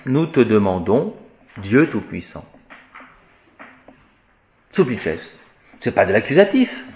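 A man teaching Latin grammar to a class, chanting declensions and explaining word by word. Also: medium pitch. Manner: chants declensions, slow and deliberate. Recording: echoey room, dull lo-fi sound.

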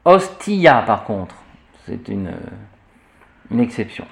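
A man's voice: mid-range voice, very animated, takes it slowly, gravelly. A man teaching church Latin pronunciation to a class, spelling out letters and repeating example words with frequent hesitations. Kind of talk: classroom lesson.

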